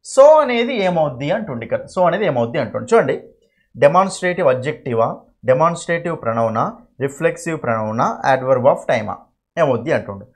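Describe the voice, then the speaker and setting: A man's voice: medium pitch, animated, fast. A young man with a Telugu accent teaching English grammar for an exam, repeating key terms and checking in with "okay?" after each point. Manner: addresses students fondly as "nanna". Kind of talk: exam-prep lesson.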